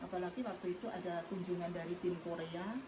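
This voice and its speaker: Speaking fast in a low, level voice, a woman from Indonesia in her sixties tells, in a home visit, of her volunteer work escorting hospital patients. Her testimony is earnest, emotional and devout, captured in a roomy recording with loud background noise.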